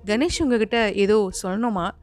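A woman voicing a middle-aged male police officer who talks in a brisk, matter-of-fact way in a detective story. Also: mid-range voice, faint music behind, natural voice.

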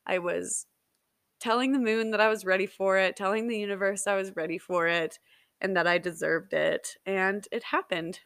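A woman's voice: mid-range voice, fairly even intonation, moderate pace, creaky, a bit bright, dry recording, clean studio sound. A young woman hosting a podcast, telling a personal story in a chatty, giggly way with plenty of fillers. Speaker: podcast host. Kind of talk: casual storytelling monologue.

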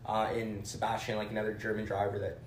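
A man co-hosting a casual podcast chat about motor racing, telling stories in an animated way. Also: lowish voice, fast. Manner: animated storyteller, acts out quotes. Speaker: podcast co-host. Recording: echoey room with faint background noise.

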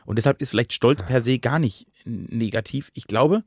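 Male podcast co-host, mid-pitched, thoughtful talker working through ideas aloud, dry booth sound. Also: moderate pace, no echo. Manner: reflective, reasons things out at length with restarts. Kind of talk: casual podcast chat.

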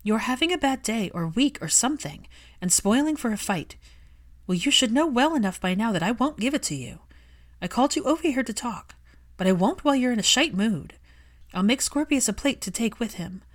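A woman's voice: fairly high pitch, animated, fairly quick, pitched above the performer's own voice. A woman reading fiction aloud and voicing an earnest, caring young woman who speaks firmly.

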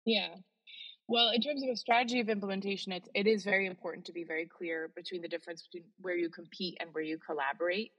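Talking fast in a husky, fairly bright voice on the low side, this interview guest keeps her intonation fairly even, and the recording sounds muffled. She's a Flemish-born Belgian in her forties with an American accent who leads sustainability work in chocolate, and she comes across earnest and emphatic, using frequent fillers.

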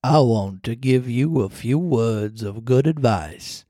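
A podcast reader voicing the faint, grave ghost of an old talking cricket in a storybook reading, slow and measured. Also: medium pitch, lively intonation, dark tone, no room sound, clean studio sound, voice pushed down.

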